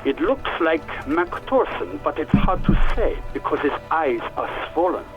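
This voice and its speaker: A man's voice: on the high side, very animated, normal speed, muffled recording, over music, voice pushed up. A man doing a sarcastic bored radio medic. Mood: dismissive. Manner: dry, dismissive, mocking.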